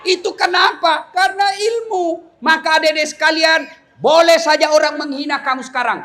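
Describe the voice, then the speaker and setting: Bright, high-voiced comic preacher. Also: male voice, moderate pace. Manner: lively storytelling, shouted punchlines, laughing with the crowd. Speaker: Islamic preacher. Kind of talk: comic sermon to a large gathering.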